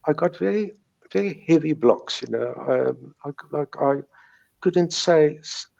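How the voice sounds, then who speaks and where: In a muffled recording, a middle-aged South African man whose first language is Afrikaans tells an interviewer how he recovered from stuttering. His voice is on the high side and darkish with vocal fry, animated but a little slow, and he stutters, repeating sounds and words.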